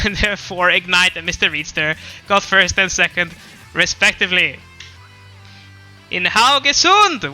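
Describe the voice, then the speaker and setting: Bright, lively young man presenting. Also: high voice. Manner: chatty, self-deprecating asides, laughs at own jokes. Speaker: presenter of a regional esports recap. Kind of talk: casual narrated slideshow presentation.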